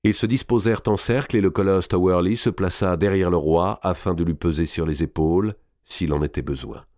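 A man reading a historical novel aloud in a measured, even storytelling manner. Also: sits low, dry recording, studio quality. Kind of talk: audiobook narration.

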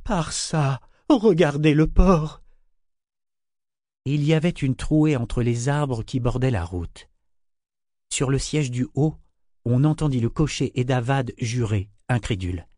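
A man narrating a fantasy novel aloud in an even, measured reading. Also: mid-range voice, no room sound, clean studio sound. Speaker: audiobook narrator.

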